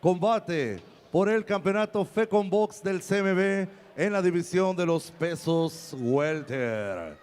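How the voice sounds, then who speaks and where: Male ring announcer, bilingual English, high voice, lucha-libre showmanship, elongated names. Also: lively intonation, measured pace, darkish tone. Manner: showy, stretches out names and titles.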